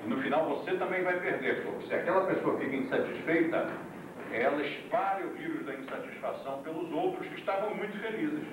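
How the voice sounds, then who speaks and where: A man teaching a yoga class in a deliberate, explanatory way, heard on an old VHS tape recording. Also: fairly high pitch. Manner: deliberate, explains terms one by one, with asides to the class. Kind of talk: classroom lecture. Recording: echoey, distant, noisy old VHS recording.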